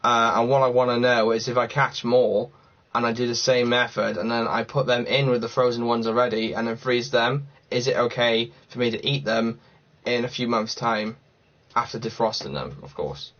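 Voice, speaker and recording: A man's voice: mid-range voice, fairly even intonation, normal speed, few pauses, fairly bright tone. A man from Cardiff hosting a casual livestream, chatting and rambling as he answers viewer comments. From Cardiff, Wales. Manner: chatty and rambling, thinks aloud. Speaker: livestream host. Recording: slightly dull lo-fi sound.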